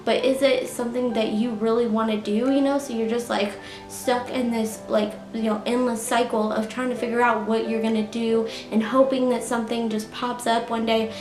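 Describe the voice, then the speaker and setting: Over music, a YouTuber in her late twenties chats to her viewers in a casual storytime vlog, full of "like" and "you know." Her high-side voice has little pitch movement and a moderate pace, and the room is echoey.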